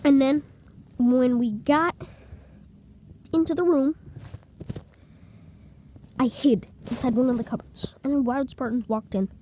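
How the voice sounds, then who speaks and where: A woman telling an improvised comic story in a rambling, deadpan way. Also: high voice, measured pace, pauses often, a little hiss or hum.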